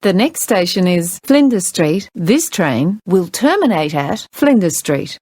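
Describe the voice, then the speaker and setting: A woman with an Australian accent making automated train announcements, her pre-recorded words spliced together into measured, evenly spaced phrases. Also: fairly low pitch, sing-song, darkish tone, slightly rough, no room sound.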